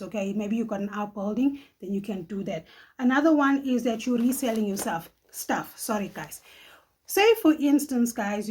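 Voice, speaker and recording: This channel host, a middle-aged Johannesburg woman with a South African accent, keeps her advice vlog casual. She chats freely, laughs easily, and tags lines with "okay?", speaking at a fairly high pitch in a husky, slightly dark voice.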